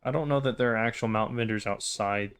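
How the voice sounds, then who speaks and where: A man hosting a game playthrough with casual, wry, deadpan commentary and rambling asides. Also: on the low side, brisk. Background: game music.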